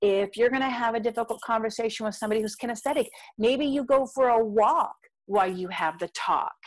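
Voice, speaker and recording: Middle-aged woman chatting, a bit high voice, lively, does little voices for her husband. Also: a little fast. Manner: animated, acts out quotes from her husband. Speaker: guest expert on marriage communication. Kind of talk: conversational explaining.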